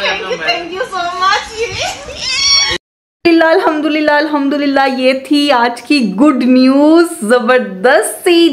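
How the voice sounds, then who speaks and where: A young woman chatting casually to her viewers in a family vlog. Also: sits high. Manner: chatty, warmly addressing viewers. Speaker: family vlogger.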